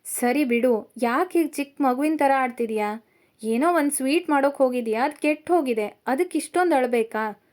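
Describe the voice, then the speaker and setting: A woman doing a teasing young man, gently coaxing. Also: sits high, moderate pace, lightly acted. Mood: soothing. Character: teasing, affectionate young male lecturer.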